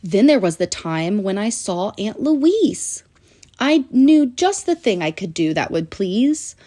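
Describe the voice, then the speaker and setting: Here a female narrator of children's books reads rhymes aloud with great liveliness. Her pitch is mid-range, and her sing-song delivery includes deliberate pauses.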